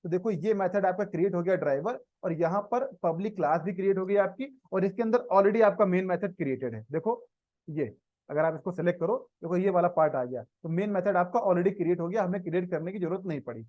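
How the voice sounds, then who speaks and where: In a high voice and at a brisk pace, an Indian-accented programming instructor teaches a live class, moving between Hindi and English and asking after his students. The online recording is dry and a bit dull.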